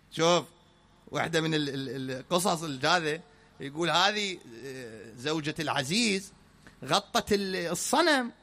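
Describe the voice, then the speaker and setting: A man with an Iraqi accent giving a religious lecture, firing rhetorical questions and reciting prayers slowly. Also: a little high, bright, forceful tone. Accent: Iraqi Arabic.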